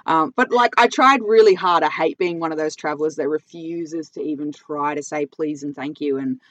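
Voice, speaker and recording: A woman's voice: sits low, moderate pace, fairly bright tone, dry recording, highs cut off. A woman chatting casually and candidly, telling travel anecdotes in an informal way with lots of "like".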